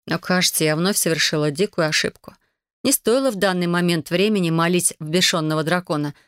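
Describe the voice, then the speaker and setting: An audiobook narrator telling a fantasy story in first person, lively and emotional. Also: mid-range voice, no room sound, clean studio sound.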